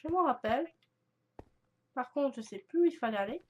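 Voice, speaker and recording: A woman's voice: high voice, animated, brisk, breathy edge, dull audio. A young woman chatting casually through a gaming video, rambling with many fillers and restarts. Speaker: gaming youtuber. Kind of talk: casual let's-play commentary.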